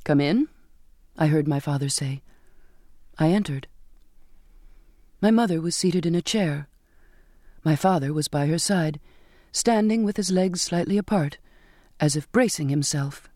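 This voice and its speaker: A man narrating a first-person story in a measured, even way as an audiobook reader. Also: sits high, dry recording, studio quality.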